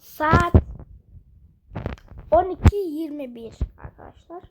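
High-voiced sick young gamer, quiet and slow. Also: female voice, heavy background noise. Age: school-age. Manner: rambling, many fillers, self-amused. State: sick with a cough, talking quietly. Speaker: gaming vlogger. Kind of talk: casual let's-play chat. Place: bedroom at home.

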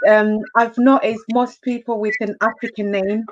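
A woman's voice: fairly high pitch, level tone, moderate pace, dull audio. A young woman hosting an online interview over a video call, asking questions and encouraging the guest. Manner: encouraging, frequent backchannel. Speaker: host. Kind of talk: interview host. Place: indoor room, video call. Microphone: video call webcam.

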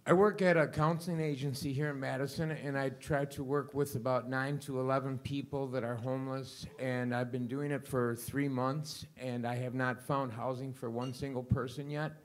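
A male counselor speaks from the audience at a talk. He asks an earnest, hesitant question. His voice stays very flat, with little rise or fall. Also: mid-range voice, normal speed, hardly any pauses. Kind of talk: question from the floor.

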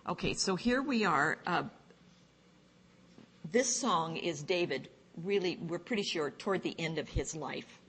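A woman teaching a church Bible class. She reads scripture aloud slowly and stops to ask the class questions. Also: fairly low pitch, expressive, fairly bright tone, a little hiss or hum.

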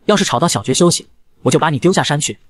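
A man voicing a stern, quick-tempered old sect elder who scolds gruffly, in a fast manga recap narration. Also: a little high, lively intonation, no echo, lightly acted.

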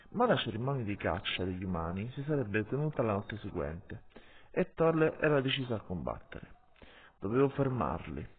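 A man narrating an audiobook, telling the story in a lively way, with tinny, phone-like sound. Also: on the low side, breathy edge. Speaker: audiobook reader.

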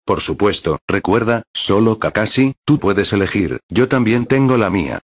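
A man's voice: fairly low pitch, very animated, normal speed, breathy edge. A man voicing a hearty, earnest ninja. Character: bold, cheerful adult male ninja.

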